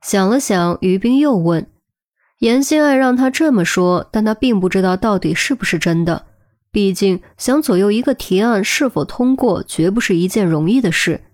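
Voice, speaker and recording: Field: woman narrating a web novel audiobook, steady and even. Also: mid-range voice, moderate pace, no echo, clean studio sound.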